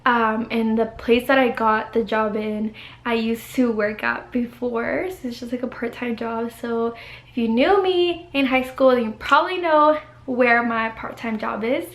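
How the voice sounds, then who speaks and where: A young woman in her 20s, a college student and vlogger, gets over the flu while casually chatting to camera in her bedroom. Giggly and talkative, she leans on "like" and "y'all," her fairly high voice measured in pace and reverberant.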